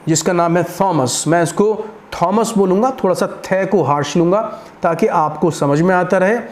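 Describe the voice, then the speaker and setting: A man with an Indian accent teaching English pronunciation, slowly repeating words as drills. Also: sits high. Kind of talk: accent-training lesson.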